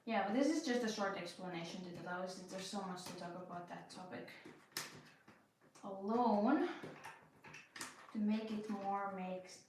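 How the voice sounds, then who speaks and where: A young woman hosting a puzzling channel, thinking aloud while she works, talking slowly with many fillers and restarts. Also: mid-range voice, far from the mic. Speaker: speed puzzling channel host. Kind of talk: casual commentary while puzzling. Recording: very echoey room, voice off-mic, faint noise.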